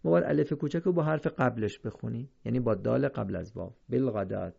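A man teaching Quranic reading in a careful, explanatory lesson, slowing down when he quotes verses. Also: mid-range voice, animated, vocal fry, darkish tone, husky, highs cut off. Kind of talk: instructional lesson.

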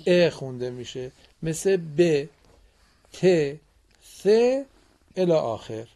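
A man's voice: on the high side, lively intonation, mellow. A man teaching Quran reading on a radio program in a studio, patiently quizzing and encouraging his students. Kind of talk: radio classroom lesson.

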